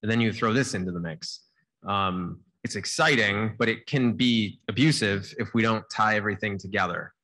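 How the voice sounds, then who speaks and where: On a conference stage, a man in his thirties talks into a handheld microphone during a panel, his voice fairly low and his pace moderate. He comes across casual and energetic, using "like" a lot.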